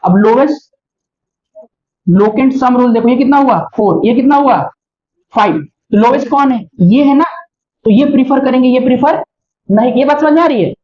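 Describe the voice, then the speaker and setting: A man's voice: very high-pitched, moderate pace, pauses often. A male chemistry teacher giving a classroom lecture, explaining step by step and often checking in with his students. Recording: dull lo-fi recording.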